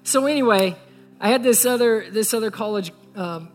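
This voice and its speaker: A man's voice: sits high, moderate pace. A young man preaching a sermon, an earnest pastor telling a story and speaking straight to the congregation. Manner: earnest, talks straight to the audience. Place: church sanctuary. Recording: echoey hall with faint music.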